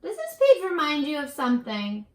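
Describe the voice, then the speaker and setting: In a roomy-sounding recording, a woman with a voice that sits high reads a picture book aloud to young children as their teacher. Her reading is animated, gentle, and encouraging, with pauses to ask the listener questions directly.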